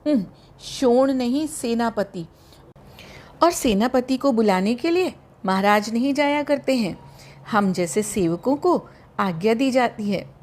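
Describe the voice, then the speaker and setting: Lady reading as a cheeky little boy in a storybook, sly and teasing, slow and a bit high. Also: lively intonation, darkish tone. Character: mischievous boy playing a servant.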